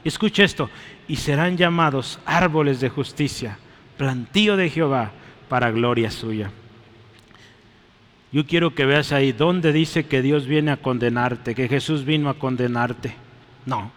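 A man's voice: mid-range voice, measured pace, a bit bright. A young man preaching a sermon to his congregation, chatty and full of questions to the listeners. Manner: conversational, asks the congregation questions, tag "¿verdad?". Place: church hall. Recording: long hall reverb.

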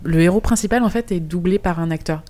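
A woman chats as a podcast guest and explains her work in localization. Her voice sits a little low, and her talk is casual and full of false starts and hesitations. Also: fast, warm tone. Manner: explanatory, with many restarts and hesitations. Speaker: guest, game localization manager.

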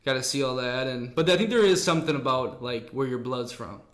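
A man's voice: medium pitch, lively intonation, brisk, a bit bright. An American man hosting a podcast interview, talking in an easygoing, rambling way with lots of fillers. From United States. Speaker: podcast host. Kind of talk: casual interview chat. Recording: echoey room.

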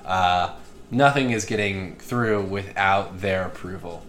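A man's voice: low-pitched, slow, a bit bright, soft background music. A young man co-hosting a podcast, rambling with crude, self-deprecating jokes and lots of fillers. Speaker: podcast co-host. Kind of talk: casual podcast banter.

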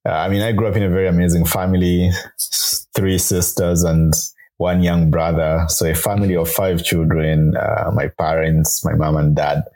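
A man's voice: sits low, level tone, normal speed, warm tone. A young man from Zambia, a grad student and radio producer, speaking as a guest in a podcast interview in an earnest, upbeat way, explaining at length. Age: young adult.

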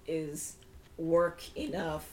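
A woman co-hosting a casual podcast chat, speaking in a mostly deadpan way. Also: sits low, drawn-out words. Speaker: podcast co-host. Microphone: studio microphone.

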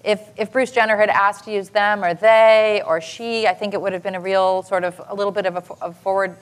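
A middle-aged woman speaks on a panel, chatty and animated, stopping and restarting her sentences. Her voice sits in a middle pitch. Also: brisk. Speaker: show creator on a panel. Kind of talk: casual panel talk.

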